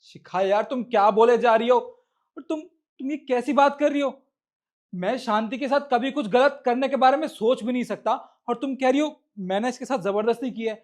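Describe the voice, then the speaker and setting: A man's voice: very high voice, moderate pace, darkish tone. A man playing a pleading, wronged husband. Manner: pleading, protesting.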